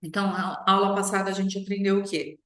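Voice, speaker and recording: Fast and steady, with a medium-pitched, fairly bright tone, a Brazilian woman teaches English to online viewers. She explains things instructively and frequently checks in using brief tag questions. Her audio echoes as if in a large room.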